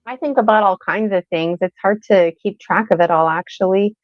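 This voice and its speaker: A woman's voice: mid-range voice, normal speed, dry recording. A woman hosts a podcast over a video call and chats loosely, rambling and laughing at herself. Her audio is a little muffled and lo-fi, with a dry, close sound. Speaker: podcast host. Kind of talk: casual chat on a live video podcast.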